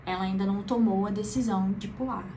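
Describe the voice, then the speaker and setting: A woman teaching psychology in a casual, conversational lesson, calm and reassuring, often checking in with the listener. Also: mid-range voice, fast talker, slight background noise, rough recording. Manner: conversational, frequent tag questions, calm reassuring. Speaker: psychology educator.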